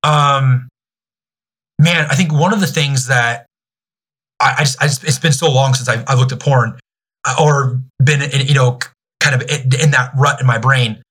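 Husky man telling his story haltingly. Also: mid-range voice, steady tone, fairly bright tone. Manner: halting, many restarts and fillers. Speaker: guest, youth ministry executive director. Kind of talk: candid podcast conversation.

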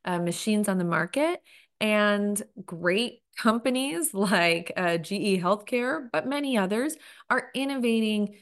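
A woman's voice: mid-range voice, lively intonation, unhurried. A woman nonprofit executive speaking in an interview, articulate and enthusiastic as she explains her work.

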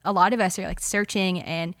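A woman's voice: lowish voice, fairly even intonation, brisk, a bit bright, no echo. A woman in her twenties talking casually as a podcast panelist, filling her speech with "like". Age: 20s. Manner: chatty, many "like" fillers. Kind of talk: casual chat.

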